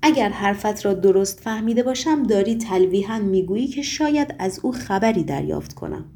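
A woman's voice: mid-range voice, expressive, warm tone, lightly acted. A woman voicing a troubled, unhappily married woman in an audiobook, speaking in a pleading, emotional way. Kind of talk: audiobook reading.

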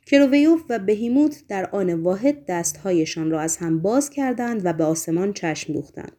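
A woman narrating an audiobook in a steady, measured way. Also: mid-range voice.

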